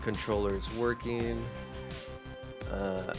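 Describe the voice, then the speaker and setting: A man's voice: on the low side, fairly even intonation, drawn-out words, vocal fry, music in the background. A young man streaming live, chatting casually in a rambling, profane way full of fillers.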